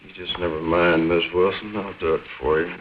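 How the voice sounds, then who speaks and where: A man's voice: sits low, fairly even intonation, fairly quick, slight background noise, close to an everyday voice. An actor playing a leering, swaggering crook who taunts his captive in slangy talk, in the style of an old crime film. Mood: smug, leering. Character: menacing, leering male crook holding a woman captive. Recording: muffled old film soundtrack, music underneath.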